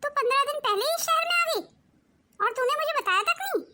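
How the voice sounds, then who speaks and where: A woman's voice: very high voice, animated, fast, bright, forceful tone, exaggerated voice. A woman doing a scolding old mother-in-law. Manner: taunting and sarcastic.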